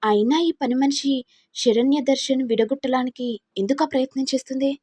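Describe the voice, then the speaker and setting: Woman doing an angry old father-in-law in a family drama, fast rebuking talk. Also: high-pitched, fairly even intonation, a little mellow, breathy edge, no room sound, pitched above the performer's own voice. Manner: rebuking, indignant.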